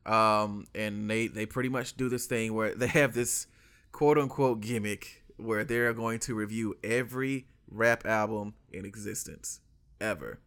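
A man hosting a podcast, chatting casually with informal slang and animated exclamations. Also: on the low side, measured pace, smooth. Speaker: podcast host.

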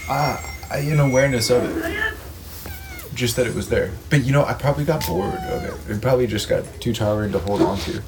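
Animated man musing on a noisy recording. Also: medium pitch, fairly quick. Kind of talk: casual philosophical chat.

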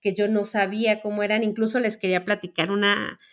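A woman in her forties with a Mexican Spanish accent talks a little fast, with medium pitch and a level tone. She chats through a personal story about feminine energy to her audience, casually, with frequent fillers and restarts, as a storytelling monologue.

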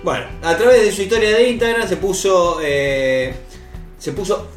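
A man's voice: high-pitched, moderate pace. A man with a Rioplatense accent co-hosting a casual comedic chat, full of swearing and mock-outraged banter. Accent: Rioplatense Spanish. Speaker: co-host. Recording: roomy, faint music behind.

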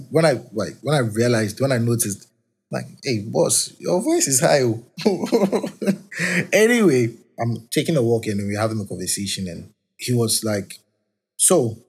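A man with a darkish, husky voice hosts a podcast, casually reflecting on faith in a rambling, self-correcting way. He talks about his own high-pitched voice.

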